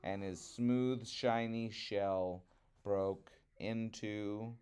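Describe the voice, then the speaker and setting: A man telling a children's trickster tale as storyteller, dramatic, with swelling phrases and hushed endings. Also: fairly low pitch, fairly even intonation, very slow, clean tone. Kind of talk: expressive children's storybook narration.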